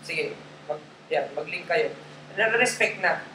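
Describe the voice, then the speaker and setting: Bright-voiced man coaching a roomy hall. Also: high voice, lively intonation, a little slow. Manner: casual, mixes English into Tagalog, checks in with listeners often. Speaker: network marketing trainer. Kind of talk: live coaching session to a group. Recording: roomy echo, faint background noise.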